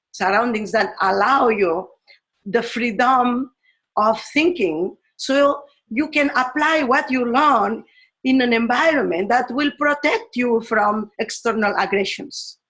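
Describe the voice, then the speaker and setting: A woman from Spain, a teacher giving a slow, thoughtful talk on education, pausing often and restarting her phrases. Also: fairly high pitch, a bit bright, low-quality recording. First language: Spanish.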